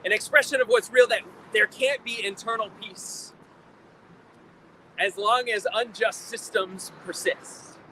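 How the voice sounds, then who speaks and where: A man giving an impassioned protest speech like a preacher, emphatic and deliberate, repeating phrases for effect. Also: high-pitched, steady tone, bright, forceful tone. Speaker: preacher, rally speaker. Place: outdoors at a rally in town. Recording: noisy outdoor urban recording, faint traffic.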